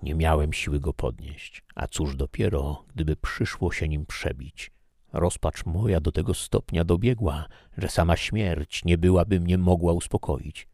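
A man narrating an audiobook in a measured, even reading. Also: a bass voice, no room sound, studio quality.

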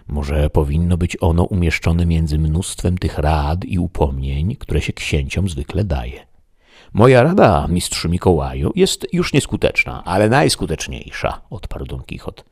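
Very deep husky male narrator. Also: dark tone, dry recording, studio quality. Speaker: audiobook narrator. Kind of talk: scripted narration.

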